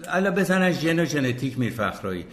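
A man's voice: a little high, sing-song, fairly bright tone, a little hiss or hum. An older man chatting casually as a podcast guest, opinionated and hesitant, with many fillers and restarts. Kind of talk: casual chat.

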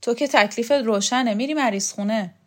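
A woman's voice: a little high, lively intonation, pitched above the performer's own voice, natural voice. A woman voicing a poor, resigned old man who dreams of his absent son, in a storybook reading.

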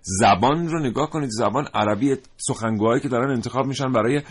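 A man's voice: medium pitch, slightly rough. A man co-hosting a studio discussion, talking in an emphatic, lecturing way. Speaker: co-host.

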